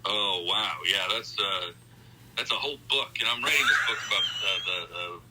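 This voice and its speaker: A man's voice: lowish voice, moderate pace, very noisy. A man in a casual interview chat, a musician talking loosely and rambling, with lots of "you know" and "like", heard over a phone call. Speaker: musician guest.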